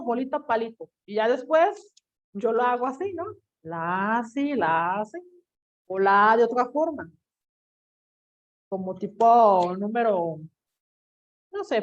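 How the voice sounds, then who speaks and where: Lively woman teacher lecturing. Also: a little high, normal speed, pauses often. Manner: lively, acts out quoted voices and asks the class questions. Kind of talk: classroom lecture. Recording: dull lo-fi recording.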